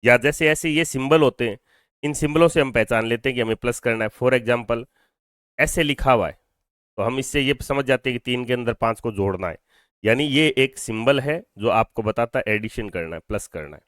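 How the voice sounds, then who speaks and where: A man teaching a physics lesson in a dry, close-sounding voice of middle pitch. He moves between Hindi and English, poses questions to his students and then answers them himself. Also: normal speed, a bit bright, no room sound. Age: adult over twenty-two. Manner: explains step by step, asking and answering his own questions; mixes Hindi with English phrases. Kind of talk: classroom lecture.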